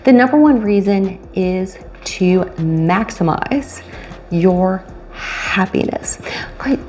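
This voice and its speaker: This is casual talk to camera from a chatty woman in her fifties, a retirement vlogger and coach, recorded in a room at home. Her voice is medium in pitch, and her lively delivery alternates rapid asides with slower, emphasized phrases.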